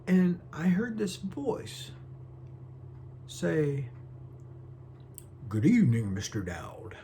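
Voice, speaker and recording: In a theatrical film monologue, a man voices a gentle, dreamy small-town eccentric, courteous and folksy and fully in character. He rambles slowly and hesitantly, his pitch swooping wildly up and down, in a mood of quiet wonder. A faint hum lies behind him.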